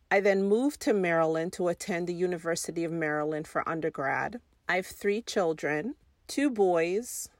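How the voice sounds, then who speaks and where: A woman from Jamaica, a guest mother, giving a measured, orderly self-introduction. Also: on the low side, no room sound, studio quality.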